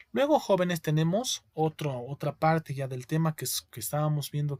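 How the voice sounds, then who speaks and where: A male teacher giving a spelling lesson, explaining slowly, repeating each word and checking in with his students. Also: fairly high pitch, no echo.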